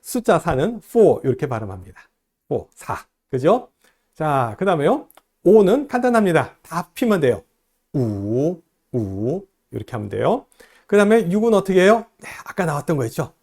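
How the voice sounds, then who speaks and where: Lively man explaining number signs. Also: on the high side, normal speed. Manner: explains step by step, asks the viewer questions. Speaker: lecturer. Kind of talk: video lecture.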